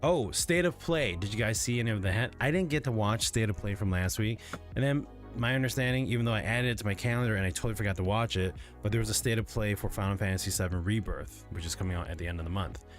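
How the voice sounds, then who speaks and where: Relaxed rambling man streaming at home. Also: on the low side, quick pace, soft background music. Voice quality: relaxed, rambling, lots of fillers. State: sleepy, yawning. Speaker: livestreamer. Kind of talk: casual chat with viewers.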